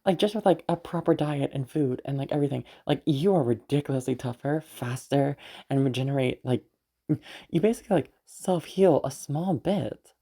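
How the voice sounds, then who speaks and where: A woman performs an intimate audio roleplay as a young noblewoman mage, flustered but fondly protective of her knight. Her exaggerated voice is low and mellow with gravelly fry, breaking into halting, stammering, giggly bursts and mild swearing. The mood is fond and chatty.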